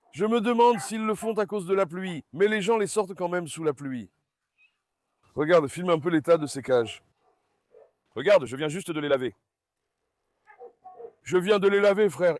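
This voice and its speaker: A man with a slightly high voice narrates a casual vlog from his farm, chatty in tone and fond and coaxing when he talks to his animals. There is slight background noise.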